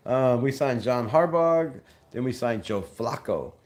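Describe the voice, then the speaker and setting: This is a fan channel livestream led by a young man from Southern California who reads chat comments, repeats himself, and talks in loose slang. He sounds animated and unhurried, with a mid-range, darkish voice.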